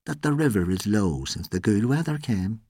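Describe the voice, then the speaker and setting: A man voicing a big, fat cattle dealer who speaks in a soft, mocking, needling way in a story reading. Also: mid-range voice, very animated, moderate pace, no room sound, studio quality, voice pushed up. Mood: mocking taunt.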